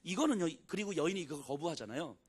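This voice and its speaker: Lively-voiced Korean pastor preaching conversationally. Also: male voice, fairly high pitch, quick pace, slightly rough. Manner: conversational preaching, acts out biblical dialogue in casual speech. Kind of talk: sermon.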